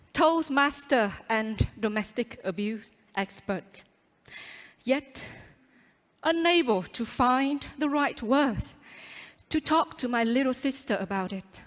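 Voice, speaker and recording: Female contest speaker, high voice, unhurried, theatrical and strongly projected delivery to a large auditorium. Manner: projected, theatrical stage delivery with dramatic pauses. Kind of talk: rehearsed competition speech. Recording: echoing large hall.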